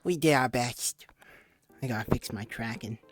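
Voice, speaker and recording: A woman chatting casually after a roleplay game, her voice run through a voice changer that shifts it deep. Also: moderate pace, soft background music.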